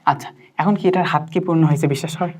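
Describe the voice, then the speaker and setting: A woman, teaching chemistry at a brisk clip. She quizzes her student line by line, coaxing answers and checking again and again that it has sunk in. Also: sits low, steady tone, a little mellow. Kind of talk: interactive tutoring lesson.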